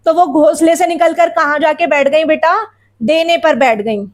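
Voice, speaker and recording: High-voiced woman teacher explaining a story. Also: normal speed. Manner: repeats word meanings, asks rhetorical questions. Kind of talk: explaining a textbook story to students.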